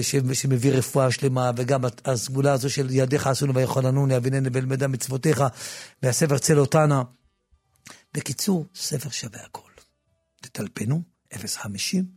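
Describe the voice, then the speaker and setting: Gravelly man preaching in a dry studio. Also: no echo. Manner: swings from low murmur to loud emphatic preaching; frequent repetitions and restarts. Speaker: religious teacher. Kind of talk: impassioned religious talk with book promotion.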